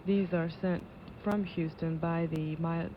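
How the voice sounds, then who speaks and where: A woman giving live launch control commentary as an official announcer, in a measured, matter-of-fact way. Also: on the low side, fairly even intonation. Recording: dull lo-fi broadcast audio with noise.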